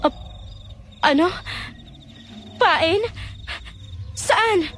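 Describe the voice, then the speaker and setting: A very high-voiced young woman, scared yet defiant, firing off anxious questions in a horror audio drama, as a woman acts her. Soft music plays behind her. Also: extremely slow, full character voice. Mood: alarmed.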